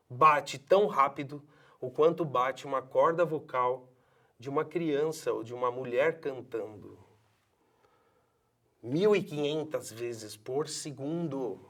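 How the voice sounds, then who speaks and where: A man in his fifties with a Brazilian accent, a voice doctor speaking in an expressive, emphatic way. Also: a little high. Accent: Brazilian Portuguese. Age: 50s. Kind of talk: passionate promotional talk.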